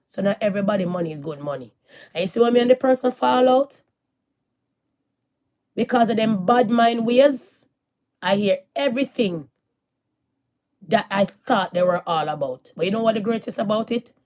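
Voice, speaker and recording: A middle-aged woman, speaking straight to her viewers. Her voice sits in a medium pitch. She moralizes and repeats lines for weight, then swings from loud declarations to low, hushed warnings. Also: normal speed. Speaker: vlogger. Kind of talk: casual preachy monologue to viewers.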